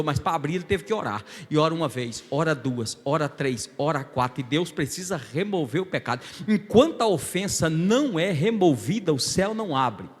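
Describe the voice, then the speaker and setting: A male Brazilian guest preacher delivering a Pentecostal sermon, moving from quiet storytelling to shouted, rhythmic calls to the congregation. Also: a little high. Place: large church hall. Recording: long hall reverb.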